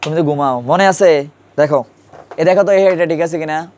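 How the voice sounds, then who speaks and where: A man's voice: fairly high pitch, a little fast, a little mellow, a little hiss or hum. A man teaching a classroom grammar lesson, quizzing students and repeating key terms.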